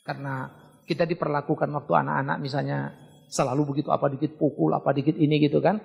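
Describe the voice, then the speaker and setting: A male pastor answering a congregation's questions in a joking, lively teaching manner. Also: a little high, quick pace, creaky, husky, in a large hall, highs cut off. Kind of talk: sermon Q&A with congregation. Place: church hall.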